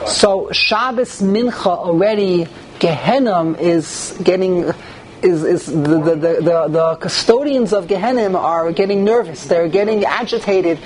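A man's voice: high voice, a little slow. A man gives an informal religious lecture to a group, repeating phrases and asking rhetorical questions. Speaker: rabbi giving a religious class. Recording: noisy live room recording.

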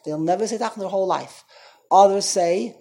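A man teaching an informal Torah class as a rabbi, talking in an animated way and repeating himself. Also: high voice, a little fast, gravelly. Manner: animated, repetitive, mixes Hebrew and Yiddish terms.

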